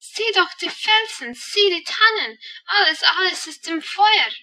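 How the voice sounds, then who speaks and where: A woman voicing an excited little girl who gushes and exclaims in wonder. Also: high voice, slow, far from the mic, pitched above the performer's own voice, heavily acted, rough recording. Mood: awestruck. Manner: gushing, exclaiming, breathless wonder.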